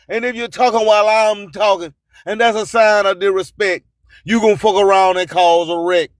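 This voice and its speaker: A radio host and music promoter with a very high-pitched voice delivers a rhyming spoken-word monologue, boasting emphatically and stretching out his phrases. The recording is studio quality with no room sound.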